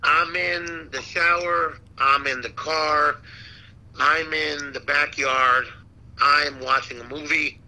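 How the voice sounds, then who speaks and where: A man who works as a ring announcer, chatting casually as an interview guest and telling stories in a slangy, animated way. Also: fairly high pitch, slow, rough recording. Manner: slangy, animated storytelling with repeated "man" and "dude". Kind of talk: casual chat.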